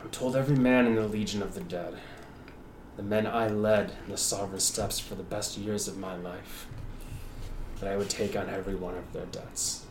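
A man's voice: fairly low pitch, steady tone, normal speed, close to an everyday voice. A man voicing a stoic, resolute military commander, terse, in a tabletop game. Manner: resolute, terse, through gritted teeth. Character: Godot, stoic male dead legion commander. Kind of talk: tabletop game character acting. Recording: roomy, distant mic with background noise.

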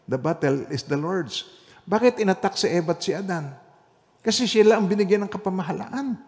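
Animated male pastor preaching in reverberant hall. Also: high-pitched, brisk. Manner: animated storytelling, swinging between loud emphasis and quiet asides. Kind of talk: Bible study sermon with personal testimony.

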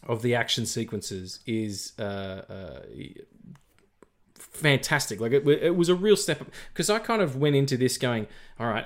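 A man co-hosting a film podcast, talking casually with lots of fillers, restarts and jokes. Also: medium pitch. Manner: rambling, many fillers and restarts, jokey. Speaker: podcast co-host. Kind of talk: casual film review chat.

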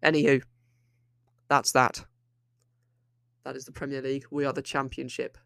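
Rambling opinionated football podcaster. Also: male voice, medium pitch, little pitch movement, normal speed, gravelly, fairly bright tone, clean tone, dry recording, clean studio sound. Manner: rambling, opinionated, with frequent restarts. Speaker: podcast host. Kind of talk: solo football podcast monologue.

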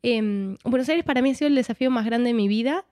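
Woman from Argentina, actress, casual chat, higher voice, dry sound. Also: fast, warm tone, no echo. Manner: chatty, frequent "¿no?", switches accents. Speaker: actress, guest. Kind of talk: casual conversation.

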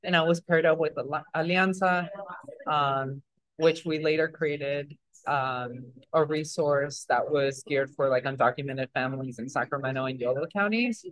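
A young man from Mexico answers interview questions casually, rambling loosely with many fillers and restarts. His voice is fairly high and a bit bright, at a moderate pace, and the recording is dry and rough.

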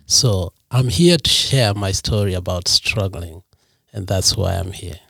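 A man with a husky, slightly low voice tells his own life story as a podcast guest. He speaks in an earnest, reflective way. The sound is dry and close. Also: a little slow, fairly bright tone, no echo. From Kenya.

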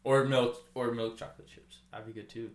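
A man's voice: mid-range voice, fairly even intonation, brisk. A young man chatting casually as a guest, easygoing and matter-of-fact, explaining things in short pieces. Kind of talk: casual chat. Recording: echoey room with clear background noise.

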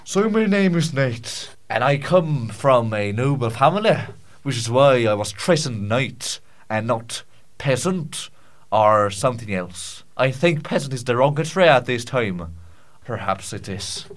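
A man doing a self-important Scottish nobleman in a hammy put-on Scottish accent, spinning grand tales that keep losing their thread. He drawls slowly and lets his words meander. It is an improvised comic character monologue. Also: medium pitch, lively intonation, close to an everyday voice. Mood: rambling mock-grand. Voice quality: mock-grand, rambling, loses his thread.

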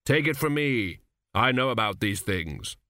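A man voicing the figure of Death, a calm grave reaper who speaks slowly and flatly. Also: medium pitch, dry recording, studio quality. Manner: slow, measured, flat.

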